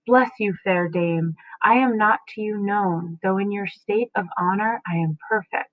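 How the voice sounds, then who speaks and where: A woman reading the lines of a hurried, humble male messenger giving a warning. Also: mid-range voice, dry recording, natural voice. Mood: urgent. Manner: urgent warning. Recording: tinny phone-like dry sound.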